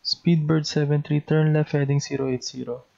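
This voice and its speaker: A gravelly, dark-toned male voice, slightly high, delivers lines flatly at a moderate pace. The Filipino-accented speaker mimics the clipped procedures of an air traffic control demonstration in a dull lo-fi recording.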